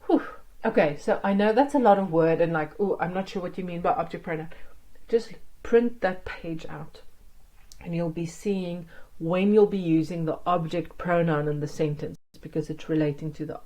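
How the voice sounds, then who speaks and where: A woman's voice: low voice, dark tone, poor audio. A woman teaching an online grammar lesson, explaining step by step in an encouraging way. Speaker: language teacher.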